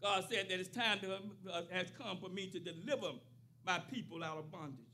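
Older male pastor, bright high voice, pulpit sermon with swelling repetition; faint room hiss. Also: fairly quick. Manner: builds to rising, repeated preaching cadence. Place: church sanctuary, at a pulpit. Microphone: pulpit microphone on a stand.

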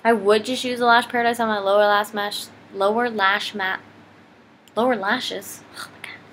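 In a noisy home camera clip shot in her living room, a young woman does a casual makeup tutorial, chatting informally, rambling and self-deprecating. The beauty vlogger's mid-range voice is a bit bright, with fairly even intonation and normal speed.

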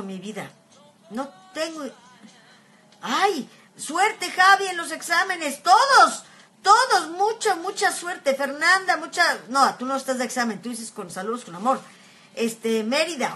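A woman's voice: a little high, fairly bright tone. A middle-aged woman with a Mexican accent hosting a casual phone livestream, chatting and exclaiming as she answers viewers' comments. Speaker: livestream host.

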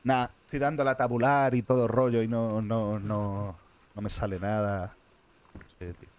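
A man's voice: fairly low pitch, level tone, normal speed, a little mellow, clear, resonant tone. A man with a Spain Spanish accent giving live gameplay commentary as a streamer, muttering to himself and swearing often.

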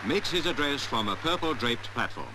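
A man's voice: mid-range voice, lively intonation, fairly quick, noisy background. A man narrating a 1950s newsreel in a formal announcer's delivery, played from an old newsreel.

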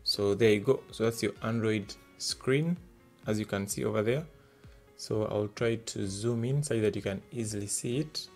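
A man with a fairly low voice hosts a tech tutorial at an indoor desk, with only his hands on camera. He walks through the steps plainly at a moderate pace, using lots of filler sounds, while faint music plays in the background.

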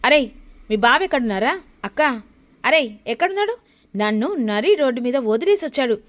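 A woman's voice: high voice, big pitch swings, a little fast. A woman voicing an indignant young wife who demands to know where her husband is.

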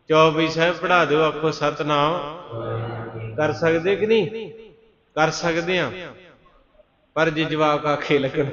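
A man preaching a Sikh katha sermon, telling stories and chanting verses slowly, asking the congregation to answer. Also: a little high. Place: large gurdwara hall with live congregation. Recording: echoey dull hall recording with crowd.

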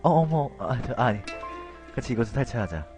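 A man streaming a horror game with comic commentary, grumbling and shouting at the game and chatting with viewers, over loud game music. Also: mid-range voice, a little fast. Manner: excitable, yells and grumbles at the game, chats with viewers.

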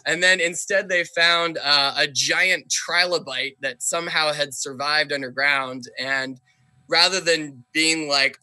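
A man's voice: fairly high pitch, steady tone, measured pace, bright, forceful tone, a little hiss or hum. A man talking as a podcast guest, chatty and enthusiastic, with lots of fillers. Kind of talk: casual conversation.

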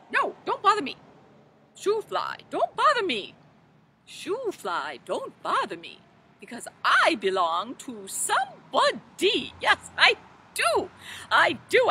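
A woman's voice: high-pitched, pushed and bright, slight background noise, full character voice. A woman playing a fussy, scatterbrained old Mother Goose, leading children's rhymes with flustered, fluttery exclamations. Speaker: library storytime performer. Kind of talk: children's rhyme time in character.

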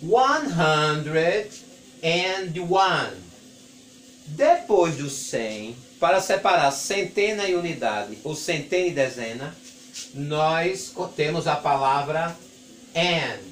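A man teaching English numbers in an echoey classroom, speaking slowly and carefully. His voice sits slightly high for a man, and faint room ambience is heard behind him. His first language is Portuguese, and he drills each word with deliberate repetition. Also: expressive, slight background noise. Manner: slow, drawn-out repetition of English words for students. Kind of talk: classroom lesson at a board. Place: classroom with a board.

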